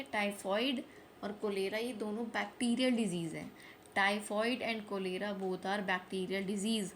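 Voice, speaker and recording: A woman teacher running a quick exam revision lesson, asking each question and repeating the answer so it sticks. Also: medium pitch, a little hiss or hum. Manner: repeats each answer, mixes Hindi with English terms. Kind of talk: fast quiz-style revision lesson.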